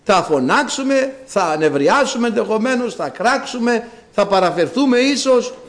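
A man preaching a sermon and reading scripture, repeating phrases with emphasis and breaking into sudden high exclamations. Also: expressive.

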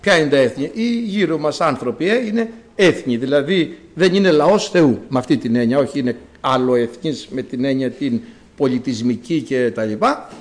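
A man preaching a sermon as a priest, with dramatic rises and drawn-out words. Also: mid-range voice, animated.

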